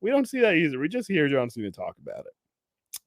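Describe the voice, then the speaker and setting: A man's voice: fairly quick, no echo, clean studio sound. A young man hosting a podcast, casually recapping TV episodes, laughing often and acting out characters' lines. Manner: animated, acts out characters' lines with jumps in pitch and loudness. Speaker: podcast host.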